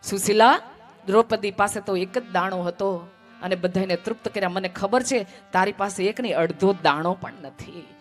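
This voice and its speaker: A woman's voice: medium pitch, normal speed, soft background music. A woman telling a devotional story at a village religious gathering, acting out the dialogue with dramatic swells and drops.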